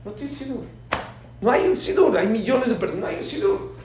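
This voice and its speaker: A man teaching a sermon full of stories, swinging between soft asides and loud emphatic bursts. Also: sits high, big pitch swings, quick pace. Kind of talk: sermon with storytelling. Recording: very echoey room from far off, faint hiss.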